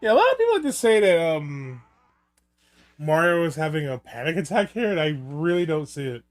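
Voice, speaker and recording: Higher-voiced man doing casual movie commentary. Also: big pitch swings, a little fast. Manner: rambling, joking, profane. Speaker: film commentator. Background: film soundtrack music.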